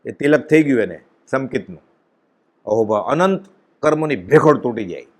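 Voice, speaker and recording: A man's voice: mid-range voice, animated, moderate pace. A man with a Gujarati accent giving an impassioned devotional sermon, quoting scripture and chanting verses. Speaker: spiritual discourse speaker.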